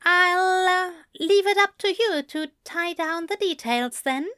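A woman's voice: takes it slowly, a bit bright, heavily acted. A woman voicing a fussy, hesitant middle-aged man. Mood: flustered. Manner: high, fluttery and hesitant.

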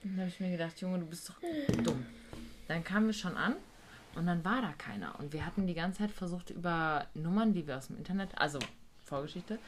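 A guest with a fairly low voice talks briskly over background noise about a work trip from her job as a care worker with a residential group. She tells it bluntly, cursing and performing the lines of dialogue.

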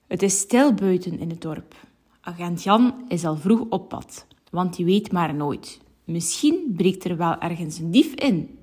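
A woman reading a children's story aloud, gently and clearly, as if to a child. Her pace is very slow and unhurried, with a mid-range pitch.

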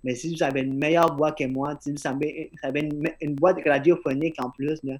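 A man's voice: on the high side, fairly even intonation, brisk. A podcast host, a man with an accent and slightly slurred articulation, talking earnestly in a casual conversation and often repeating words as he starts a thought. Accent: non-native-sounding French accent.

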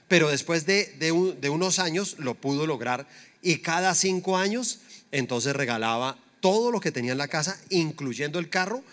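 Brief: middle-aged pastor, slightly higher voice, chatty sermon delivery peppered with questions. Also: male voice, a bit bright. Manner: conversational preaching, lots of rhetorical questions.

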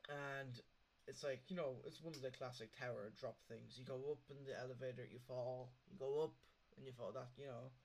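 A man's voice: mid-range voice, fairly even intonation, a little fast, darkish tone, slight background noise. A young man hosting a casual chat, telling rambling stories and laughing often. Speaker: podcast host.

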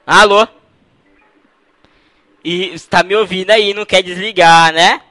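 A man's voice: sits high, steady tone, unhurried, sharp tone, no room sound. A man making a prank phone call, teasing the person on the line in a playful, mock-innocent way. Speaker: prank caller.

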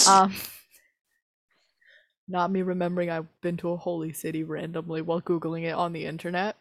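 Chatty young woman with a lowish voice. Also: little pitch movement, fairly quick, pauses often, no echo, clean studio sound. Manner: chatty, self-mocking, laughs often. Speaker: podcast co-host discussing a book. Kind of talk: casual chat.

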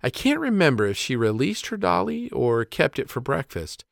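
Man telling a story with a lively pitch. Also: creaky, dry recording, studio quality. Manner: measured, plainspoken storytelling. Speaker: storyteller and father. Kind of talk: scripted narration of a personal story.

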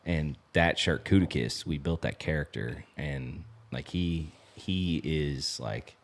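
Deep low guy in his 30s, podcast guest rambling thru a story w a ton of likes. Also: takes it slowly. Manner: rambling, loose and profane, with lots of "like". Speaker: podcast guest, apparel business co-founder. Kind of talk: casual storytelling chat. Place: lodge.

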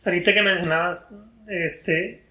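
A man's voice: high-pitched, fairly even intonation, measured pace, bright, forceful tone. A man, a guest on a talk show, who speaks thoughtfully and often repeats words while he thinks. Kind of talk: casual reflective chat. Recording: roomy echo.

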